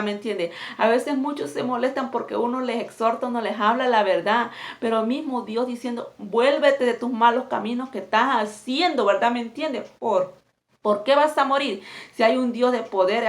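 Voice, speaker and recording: A woman preaching an exhorting sermon, constantly checking in with her listeners. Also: on the high side. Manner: constantly inserts "¿verdad?" and "¿me entiendes?"; exhorting, earnest.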